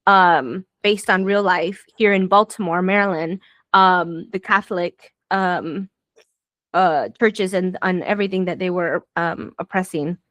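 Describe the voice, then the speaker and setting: A woman raised in Southern Florida, in the United States, whose first language is Spanish, talks reflectively in a casual conversation, with many fillers and restarts and bursts of exasperation. Her voice is on the low side and fairly bright, steady in tone and unhurried, with no echo.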